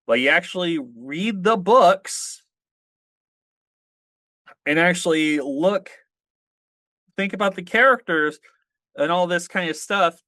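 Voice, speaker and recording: A man's voice: high voice, bright, forceful tone, no echo. A man co-hosting a casual podcast discussion, talking hesitantly with frequent stammers and restarts. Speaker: podcast co-host.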